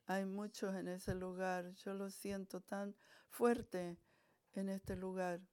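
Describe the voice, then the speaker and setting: A woman pastor leading a church altar call, praying fervently with pauses and restarts. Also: medium pitch, flat delivery, a little mellow, clear, resonant tone.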